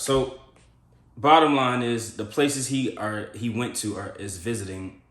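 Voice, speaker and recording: A man's voice: fairly low pitch, fairly bright tone. A man hosting a show, talking loosely in slang as he comments at length. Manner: rambling, loose slang, frequent fillers. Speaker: podcast host. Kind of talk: casual commentary. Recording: echoey room.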